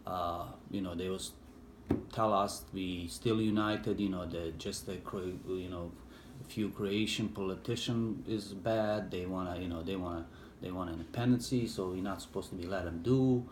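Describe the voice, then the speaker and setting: Deep-voiced and fairly even in intonation, a middle-aged man from Bosnia, a war veteran, haltingly shares personal memories in an interview in accented, non-native English. He often uses fillers and restarts himself, and the room is echoey with faint background noise.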